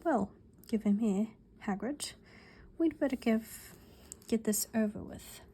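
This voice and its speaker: A woman voicing a calm elderly male wizard headmaster in a British accent, in a soft, measured whispered role-play. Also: on the high side, slight background noise. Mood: calm, gentle.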